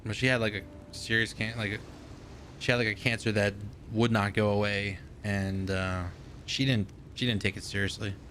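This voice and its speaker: A man's voice: lowish voice, steady tone, normal speed, fairly bright tone, slight background noise. A man in his thirties streaming gameplay live, rambling and joking casually and swearing freely. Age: 30s.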